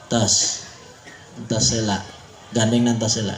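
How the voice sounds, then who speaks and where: A man with a Sundanese accent preaching a sermon, leading a crowd in call-and-response with an animated voice that swings between high and low. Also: slow pace. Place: large pesantren gathering. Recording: echoey hall, faint noise.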